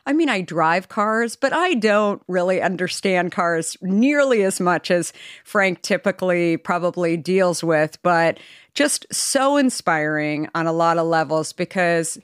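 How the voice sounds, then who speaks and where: A bubbly woman hosts a podcast, gushing over her guest in excited bursts. Her voice sits fairly low, smooth and clear, and the sound is close and dry. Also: dry recording. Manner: bubbly, effusive, quick bursts of high excitement. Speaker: podcast host. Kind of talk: enthusiastic interview intro.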